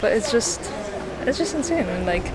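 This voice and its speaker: Amid a noisy crowd and loud music on a rough recording, a young travel vlogger with medium pitch and lively intonation talks at normal speed. A native Russian speaker from a post-Soviet country, she chats earnestly through shops, cafes, and outdoor spots, saying "like" constantly.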